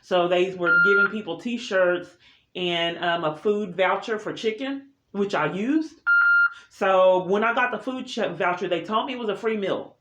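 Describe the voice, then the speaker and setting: This vlogger speaks at a measured pace in a medium-pitched, somewhat bright voice, insistently airing her personal grievances without a script. The reverberant recording is muffled and marred by heavy noise and clicks.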